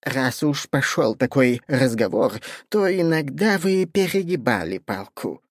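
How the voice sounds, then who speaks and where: Man doing a squeaky, fawning sidekick. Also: sing-song, a little slow, dry recording, studio quality. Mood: meek. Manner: meek, squeaky, hesitant. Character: timid fawning leech-seller assistant, man. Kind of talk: audiobook character voice.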